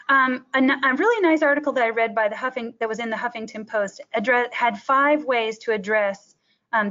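Educator, woman, middle-aged, higher voice, earnest webinar talk with ums, dull lo-fi sound. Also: a bit bright. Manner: earnest, frequent ums, talks through slides. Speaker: school technology educator presenting a webinar. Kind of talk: webinar presentation. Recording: muffled lo-fi webinar audio.

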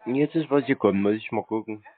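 A scam-baiter takes a phone call and argues casually, contradicting the caller in a matter-of-fact way. His voice is fairly low and fast, and the recording sounds narrow, phone-like and dry.

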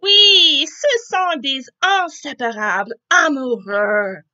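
A woman's voice: fairly high pitch, big pitch swings, drawn-out words, pushed and bright, dull audio, heavily acted. A woman voicing a curious, cheerful little female pig from a storybook.

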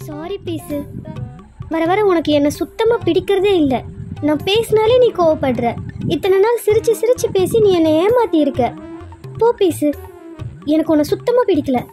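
A woman's voice: extremely high pitch, expressive, moderate pace, pauses often, mellow, soft background music. A young woman acting in a comedy skit with a clingy, whiny, sweet manner.

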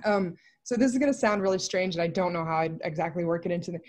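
A woman in her thirties, a film writer and director, answers interview questions on a video call from an indoor room. She talks fast in a lowish voice, thinking aloud casually and rambling through animated asides.

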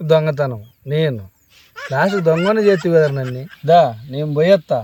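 A man playing a nephew in a village comedy skit, exasperated, pleading and shouting. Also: a little high, unhurried, highs cut off, a little hiss or hum.

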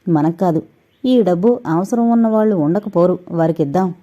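A woman's voice: fairly low pitch, dark tone, close to an everyday voice. Woman reading an anxious, pleading male doctor. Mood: sly. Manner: pleading, hurried.

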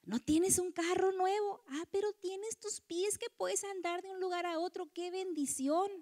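A woman's voice: very high-pitched, steady tone, unhurried. A woman giving a motivational talk to women, often asking the audience for agreement. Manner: warm lecturing, acts out quoted voices, asks audience. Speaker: conference speaker.

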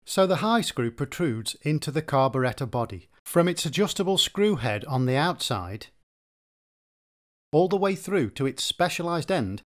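A man narrating a repair tutorial, explaining engine workings in a steady, methodical way. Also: on the high side, moderate pace. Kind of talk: scripted instructional narration.

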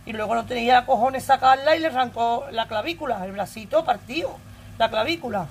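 A woman's voice: a little high, brisk, slight background noise. A woman in her forties with an Andalusian Spanish accent, telling her own story to her viewers in a blunt, earthy, emotional way and swearing freely. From Andalusia, Spain. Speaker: vlogger.

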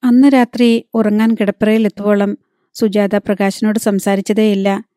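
A woman narrating a novel as an audiobook in a measured, dramatic reading. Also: mid-range voice, warm tone, no room sound, clean studio sound.

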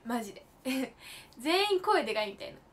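A woman's voice: high voice, big pitch swings, moderate pace, a bit bright, a little hiss or hum. A young woman in her late teens hosting a casual livestream, telling stories with playful, emphatic asides and mixing polite speech with slang. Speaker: idol livestream host.

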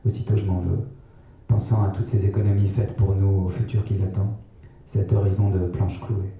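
A man with a fairly low voice reads his own novel aloud in a measured, sober way. The recording is very echoey, with the voice set back from the mic. The sound is slightly dull. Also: level tone, far from the mic, a little hiss or hum. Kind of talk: literary reading.

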